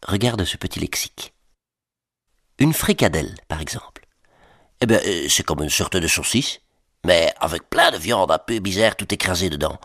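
A deep, lively man teases his young listeners with playful, deadpan asides. His pitch bounces a great deal, and the recording is close and dry. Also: moderate pace, no echo. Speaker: comic presenter. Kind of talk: comic explainer to children.

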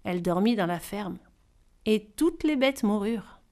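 A woman reading a fairy tale aloud as storyteller, expressive and varied in delivery. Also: mid-range voice, moderate pace.

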